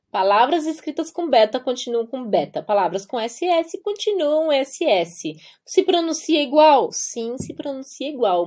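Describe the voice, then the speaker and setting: Brazilian woman teaching German sounds, high-voiced. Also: darkish tone. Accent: Brazilian Portuguese. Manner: patient, emphatic, repeats key words, drawn-out demonstrations. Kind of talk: pronunciation lesson.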